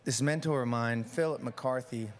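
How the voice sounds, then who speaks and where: A man's voice: medium pitch, normal speed. A young man from Mexico, a musician guest chatting casually in an interview in front of a studio audience, laid-back and slangy with many restarts.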